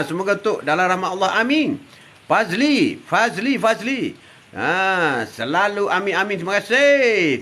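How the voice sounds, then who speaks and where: An older man with a Malaysian Malay accent hosts a casual live stream, reading viewer comments. His voice is high, bright and forceful, and he greets viewers by name and teases them with laughs.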